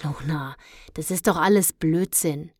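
A woman's voice: low-pitched, measured pace, darkish tone, no room sound. A skeptical young boy mocks and brushes off his friend's stories in a light, everyday voice, as a woman reading a children's story puts him on. He sounds dry and close to the mic. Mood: dismissive. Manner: mocking, dismissive.

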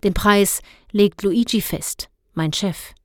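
A woman voicing a polite, calm male ice cream seller who speaks courteously and formally in a storybook reading. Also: medium pitch, slow pace, dry recording, studio quality.

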